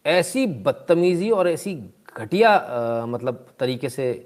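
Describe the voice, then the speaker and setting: Male live-stream host, casual animated commentary, rhetorical questions, reads viewer comments. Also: a little high, slow pace.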